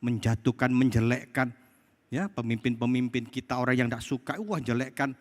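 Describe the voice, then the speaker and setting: A male pastor preaching to a congregation, asking himself questions and swinging between loud exclamations and quiet asides. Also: medium pitch, flat delivery, brisk. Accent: Indonesian. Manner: rhetorical questions answered himself, addresses congregation as saudara. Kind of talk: sermon. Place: church hall. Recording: long hall reverb.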